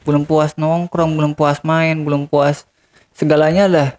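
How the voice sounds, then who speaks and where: A man's voice: a little high, level tone, unhurried, darkish tone. A man, telling a regretful confession as an interview guest and often turning to the host. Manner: regretful, keeps addressing the host as "Bang". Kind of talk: confessional storytelling.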